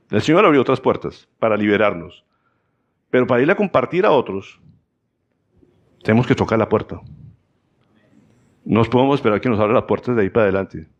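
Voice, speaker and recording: A Colombian man preaching a Sunday sermon, retelling the story with playful acted-out voices. His voice sits in a middle pitch but swings up and down widely. He keeps checking in with the congregation as he goes. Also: dull audio. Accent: Colombian Spanish. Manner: animated storyteller, acts out voices in high pitch, repeats "¿sí o no?". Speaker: pastor.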